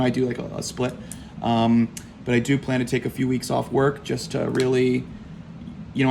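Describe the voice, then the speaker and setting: A man talks in a casual, first-person diary style with a mid-pitched, heavily creaky, gravelly voice. His phrases come hesitantly, often repeating a word before moving on. There is faint room noise behind him. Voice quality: gravelly, heavy vocal fry. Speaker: patient recounting his back surgery.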